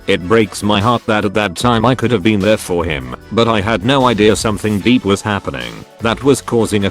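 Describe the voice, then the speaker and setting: A man narrating forum posts as a channel host in a steady, even reading. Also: fairly low pitch. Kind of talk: scripted narration.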